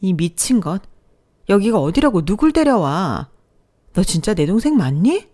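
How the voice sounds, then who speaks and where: A woman voicing a middle-aged sister-in-law who comforts kindly and scolds loudly. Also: low voice, moderate pace. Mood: furious. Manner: loud, scolding outbursts.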